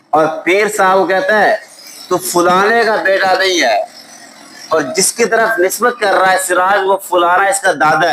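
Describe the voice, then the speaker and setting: A man with a Pakistani Urdu accent teaching a lesson on Islamic law. He recites Arabic texts slowly, then explains them with examples and often checks that students follow. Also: sits high, bright, forceful tone, slight background noise, rough recording. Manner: explains with worked examples and asks "ٹھیک ہے؟" to check understanding. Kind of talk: classroom lecture.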